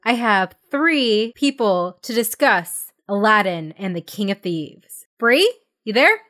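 A woman's voice: medium pitch, very animated, takes it slowly, fairly bright tone. A woman hosting a casual podcast, upbeat and leading the talk with questions. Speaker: podcast host.

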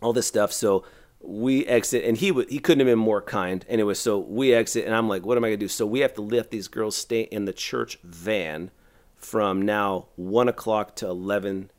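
A middle-aged man, a youth pastor, telling a long story on a podcast in a rambling, animated way full of "like". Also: lowish voice, moderate pace. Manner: animated, rambling, heavy use of "like".

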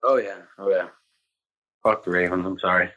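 A man's voice: sits low, fairly even intonation, moderate pace, pushed and bright. A man on a video call, a football fan talking bluntly and swearing freely in a casual interview, his audio sometimes breaking up. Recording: dull lo-fi video call line.

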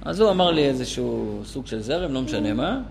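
A man's voice: gravelly, a little hiss or hum. A man teaching a lesson to a live class, telling a story animatedly, his voice jumping up for emphasis. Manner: animated, pitch jumps up for emphasis. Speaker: Torah teacher.

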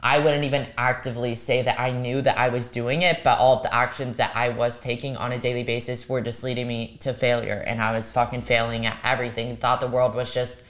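A woman's voice: a bass voice, level tone, brisk, hardly any pauses. Frank, swearing woman podcast co-host. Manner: frank and profane, earnest. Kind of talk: casual chat.

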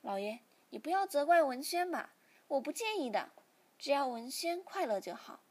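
A woman's voice: high voice, big pitch swings, normal speed, darkish tone, pitched above the performer's own voice. A woman reading as a meek, pleading young wife. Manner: pleading, apologetic. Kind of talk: storytelling reading.

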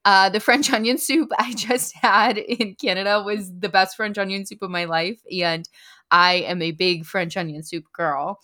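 A young woman co-hosting a casual podcast chat, running through her picks with an upbeat, chatty manner. Her voice is bright and clear, sitting in a middle pitch range. She laughs easily between thoughts. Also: fairly even intonation. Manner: upbeat, laughs often, quick lists. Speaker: podcast co-host.

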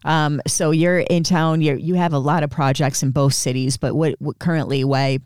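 A man's voice: fairly high pitch, steady tone, normal speed, clear, resonant tone, no echo, clean studio sound. A man hosting a casual podcast interview, talking in an effusive, complimentary way. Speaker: podcast host.

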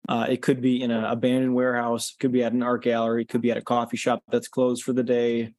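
A man's voice: medium pitch, fast talker, a little hiss or hum. A man, a podcast guest talking casually and explaining things, with frequent fillers and restarts. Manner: relaxed, many "um" and "you know" fillers. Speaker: podcast guest, concert organizer. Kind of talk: casual interview chat.

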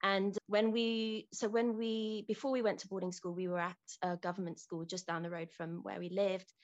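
Guest, woman from Zambia, 30s, open reflective storyteller, mid pitch. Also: level tone, normal speed, dull audio. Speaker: podcast guest. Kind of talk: casual interview storytelling.

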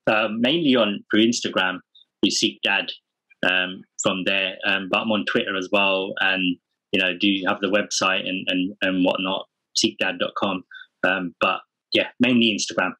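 A man's voice: deep voice, fairly even intonation, moderate pace, sharp tone, poor audio. A man speaking earnestly and informally as a guest in a casual podcast interview. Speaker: podcast guest, parenting community founder.

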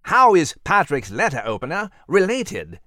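A man's voice: fairly high pitch, wildly swooping pitch, normal speed, sharp tone, dry recording, studio quality, pitched above the performer's own voice, exaggerated voice. A man reading a storybook, voicing a bespectacled male animal who is polite and methodical. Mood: musing. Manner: courteous and methodical, says "my dear". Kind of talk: storybook character voice.

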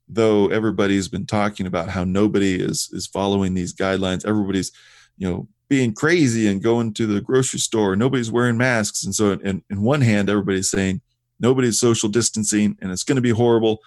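A man's voice: fairly low pitch, steady tone, brisk, a little mellow, no room sound, clean studio sound. A man co-hosting a casual talk podcast, rambling with many fillers and restarts. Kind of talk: casual conversational discussion.

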